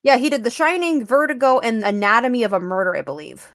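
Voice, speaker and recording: A woman's voice: on the high side, animated, fast, fairly bright tone, no echo, studio quality. A woman co-hosting a podcast, chatting eagerly about films with lots of fillers. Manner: chatty, enthusiastic, many fillers. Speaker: podcast co-host. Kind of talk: casual film discussion.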